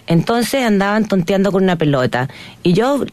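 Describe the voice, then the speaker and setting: A woman's voice: normal speed, no echo. Chilean woman, 30s, emotional guest who voices everyone in her story, dry close recording. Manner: animated, reenacts dialogue with shifts in pitch. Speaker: interviewed guest, mother. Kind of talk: emotional personal account.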